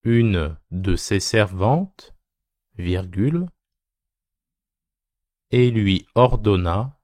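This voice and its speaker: A man's voice: fairly low pitch, drawn-out words, darkish tone, no echo, studio quality. A man dictating a text as a teacher, phrase by phrase, repeating each short phrase and speaking the punctuation aloud.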